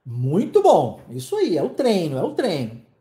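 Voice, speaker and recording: Playful Southeastern Brazilian teacher, mellow voice. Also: male voice, on the high side, huge pitch swings, normal speed, reverberant. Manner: playful, makes sound effects to illustrate. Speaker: English teacher. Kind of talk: online language lesson.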